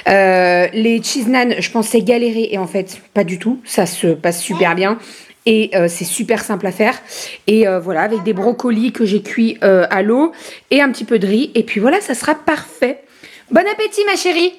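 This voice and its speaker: A woman's voice: mid-range voice, moderate pace. A woman vlogging about her family life from her home kitchen, rambling casually with lots of hesitations and self-corrections. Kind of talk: casual home vlog chat.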